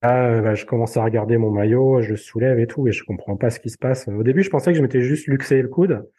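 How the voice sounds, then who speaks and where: A man telling a personal story in casual conversation, halting and full of fillers and repeated words. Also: medium pitch, warm tone, husky. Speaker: podcast guest.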